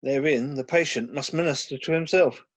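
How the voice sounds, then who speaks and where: An amateur actor playing a cautious, deferential court physician in a Shakespearean radio play, speaking in a measured way. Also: male voice, on the high side, natural voice.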